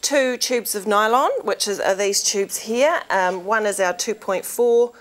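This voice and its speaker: A woman's voice: medium pitch, measured pace, fairly bright tone. A woman giving an informal, practical product demonstration on a shopping show, explaining as she goes.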